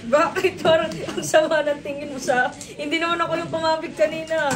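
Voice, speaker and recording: A woman's voice: sits high, steady tone, brisk, noisy background. A woman with a Filipino accent chatting over a card game, laughing easily and playfully protesting. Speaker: card player.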